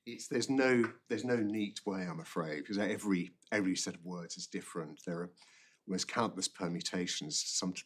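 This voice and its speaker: Male advocate, low gravelly-edged voice, formal courtroom argument delivered haltingly with repeated phrases. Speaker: barrister arguing an appeal.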